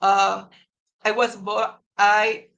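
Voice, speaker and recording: Slow, halting man. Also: sits high, little pitch movement, gravelly, bright, forceful tone, lo-fi sound. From Puerto Rico. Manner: halting, measured, formal. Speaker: physician researcher guest. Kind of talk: webinar interview.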